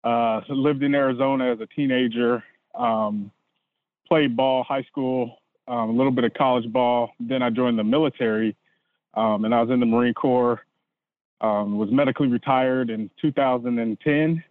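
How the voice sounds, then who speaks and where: A man's voice: mid-range voice, fairly even intonation, normal speed, no echo. A middle-aged man from Indiana, a football coach, answering interview questions in an earnest, hesitant way with many fillers. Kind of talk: casual interview. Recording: dry, phone-like remote line.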